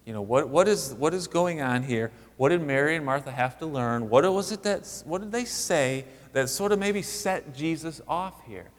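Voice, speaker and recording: Conversational pastor preaching in a reverberant hall. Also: male voice, on the high side, normal speed, hardly any pauses. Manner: conversational, animated, rising emphatic asides. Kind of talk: sermon.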